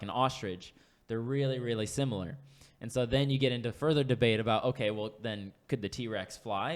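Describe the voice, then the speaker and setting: Rambling man on a chatty podcast. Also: mid-range voice. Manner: rambling, fillers and restarts, laughs easily. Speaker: podcast co-host. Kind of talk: casual chat. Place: podcast studio.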